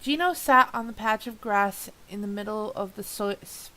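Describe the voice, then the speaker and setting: Bright and forceful, her mid-range voice moves at a moderate pace as she reads a fan-fiction audio drama. In this blooper reel she keeps stumbling, swears, and laughs at her own mistakes, exasperated and poking fun at herself.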